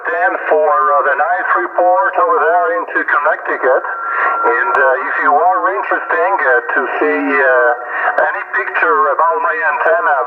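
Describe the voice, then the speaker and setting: A man from northern Italy with an Italian accent, an amateur radio operator on the air, speaking haltingly with many fillers and spelling his call sign, heard over a crackly sideband radio. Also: on the high side. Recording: tinny noisy radio receiver.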